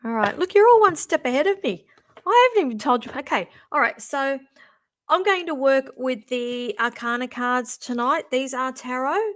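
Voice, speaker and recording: A chatty middle-aged woman hosts a live-stream psychic reading from home, her voice sitting a little high. She thinks aloud, breaks off mid-phrase and restarts with fillers as she goes. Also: expressive, normal speed. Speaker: psychic reader.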